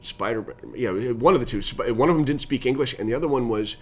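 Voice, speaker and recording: A middle-aged man, a guest in an interview, telling animated stories about his nonprofit. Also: quick pace. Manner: animated storyteller, pitch climbs when excited. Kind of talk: conversational interview storytelling.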